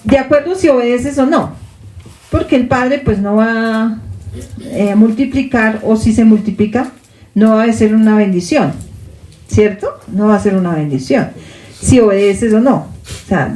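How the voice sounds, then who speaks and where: A woman teaching a Bible lesson to a congregation in Colombian Spanish, often checking in with her listeners through quick questions. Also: mid-range voice, warm tone, echoey room, rough recording.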